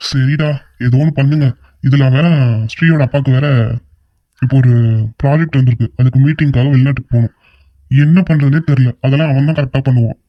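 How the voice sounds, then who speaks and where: A man voicing a worried older uncle in a cartoon, talking fast and pleading. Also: mid-range voice, fairly even intonation, no echo, highs cut off, close to an everyday voice. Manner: fretful, pleading, quick talk. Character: worried older uncle, anxious family elder. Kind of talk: cartoon voice acting.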